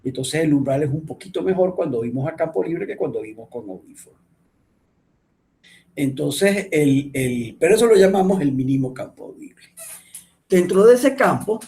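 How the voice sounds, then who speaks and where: Male instructor teaching an online class, fairly high mellow voice, halting, keeps checking "ok?". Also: creaky. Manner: explanatory, often checks in with "¿ok?"; halting, with frequent restarts and fillers.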